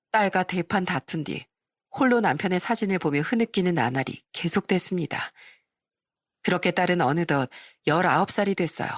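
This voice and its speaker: A woman's voice: fairly low pitch, no echo, studio quality. A middle-aged woman giving an emotional, confessional first-person story narration.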